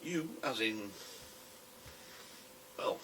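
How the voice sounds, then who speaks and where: A British man with a smoker's rasp, rambling casually to camera in a wry, self-deprecating way. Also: lowish voice, expressive, extremely slow, bright, forceful tone. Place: a room at home, alone. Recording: distant camera mic with faint noise.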